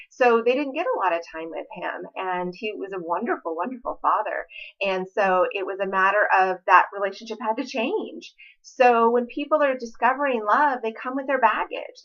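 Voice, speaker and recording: A woman's voice: mid-range voice, highs cut off. A woman in her forties, a relationship coach, talking earnestly and from the heart about love and loss to her viewers. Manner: earnest and heartfelt, with a gentle pleading tone. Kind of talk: personal vlog talk to camera.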